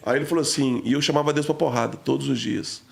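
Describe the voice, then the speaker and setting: A man's voice: mid-range voice, steady tone, quick pace, vocal fry. A man talking as a podcast guest, telling an emotional story in a slangy, casual way full of fillers.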